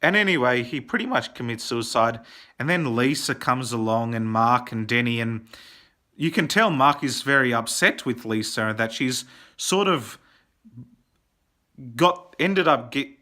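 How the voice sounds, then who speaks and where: A man casually reviewing a film, rambling and animated, with plenty of fillers. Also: medium pitch, a little slow.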